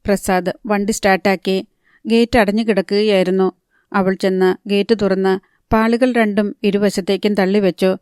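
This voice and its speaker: A woman narrating an audiobook novel in a calm, steady reading voice. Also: medium pitch, moderate pace, clean tone, dry recording, clean studio sound. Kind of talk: scripted narration.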